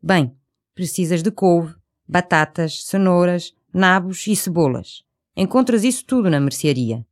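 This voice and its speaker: A woman's voice: lowish voice, lively intonation, unhurried. A woman with a European Portuguese accent reading scripted language-course dialogue with careful enunciation.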